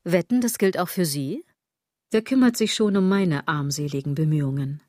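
In a literary radio drama, an actress plays a sardonic aging woman musing on fashion and consumerism, delivering lines ironically, declamatorily and full of wordplay. Her natural voice is on the low side and mellow, at a moderate pace, recorded dry with studio quality.

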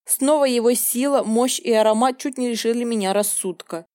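A young woman narrating a first-person audiobook story with an emotional, expressive reading. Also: on the high side, moderate pace, no room sound, studio quality.

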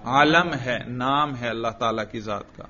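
A male religious teacher giving a classroom grammar lecture, drilling students with repeated questions and chanting phrases slowly in a sing-song. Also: mid-range voice, pushed and bright. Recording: dull lo-fi lecture recording.

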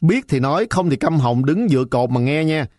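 A man's voice: fairly high pitch, a little fast, dry recording, clean studio sound, lightly acted. A man voicing a skinny, hot-tempered young boy who talks back defiantly. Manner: defiant, mocking.

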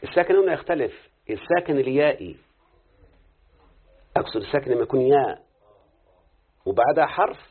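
A man's voice: medium pitch, lively intonation, husky. A man with an Egyptian accent teaching Quranic readings and Arabic grammar in a live lesson, checking that his student follows with frequent questions. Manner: quick explaining, checking understanding with questions. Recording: tinny phone-like lo-fi recording.

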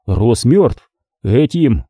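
Guy reading a blunt sarcastic gangster, dark husky voice. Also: medium pitch, very animated, very slow, dry recording, studio quality, full character voice. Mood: sardonic. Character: cynical male gangster, blunt, dry humor.

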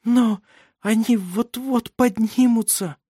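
A woman's voice: on the high side, slow, a little mellow, dry recording, studio quality. A woman voicing a frightened young woman in an audiobook, pleading in anxious, breathless exclamations. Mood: desperate. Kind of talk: audiobook character reading.

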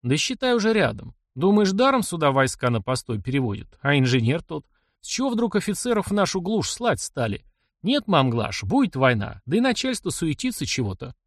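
A man's voice: fairly high pitch, sing-song, brisk, no room sound, studio quality, pitched above the performer's own voice. A man voicing a blunt, brooding young village man in an audiobook, speaking in a grumbling way. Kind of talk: audiobook character voice.

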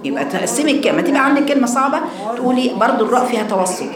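A woman with an Egyptian accent teaching Quran recitation, correcting a student and chanting slow examples. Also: a little high, animated, roomy sound, a crowd in the background. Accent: Egyptian Arabic. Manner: corrective, alternates quick Egyptian speech with slow chanted demonstrations.

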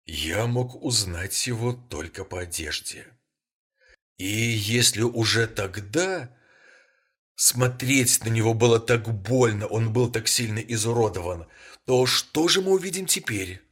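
Guy voicing a worn-out old grieving dad, husky and low, halting in a storybook reading. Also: animated, exaggerated voice. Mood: grim. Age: older. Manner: hushed and halting, bursting out in alarm. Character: weary, frightened old man, grieving father.

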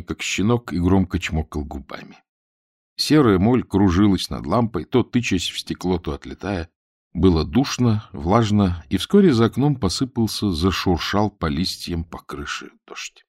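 A male audiobook narrator with a fairly low voice that rises and falls animatedly as he tells a comic story. He is recorded close on a studio mic in a dry booth with no room sound. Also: dry recording. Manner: expressive, lively storytelling. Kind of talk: scripted narration of a humorous novel.

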